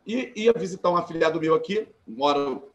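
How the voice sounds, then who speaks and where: A Brazilian man in his forties, a former law student and activist, speaks as a panelist in a live-streamed panel talk over video call, with a Carioca Portuguese accent. His fairly high voice is animated and at normal speed, and the sound is lo-fi. He talks earnestly and emphatically, often restarting his sentences.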